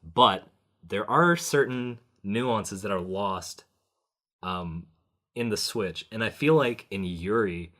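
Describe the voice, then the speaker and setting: Low-voiced man in casual podcast chat. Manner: animated, laughs often, swears casually. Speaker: podcast co-host.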